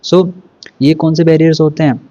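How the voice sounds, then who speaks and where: A man teaching an exam revision lesson in a relaxed, informal way. He keeps asking rhetorical questions and checking in with his students. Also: fairly high pitch, moderate pace, dry recording, highs cut off.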